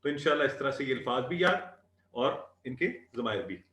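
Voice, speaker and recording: A man's voice: mid-range voice, lively intonation, moderate pace, fairly bright tone. A man teaching a live online Arabic lesson, patiently repeating and drilling phrases. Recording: echoey room, voice a bit distant.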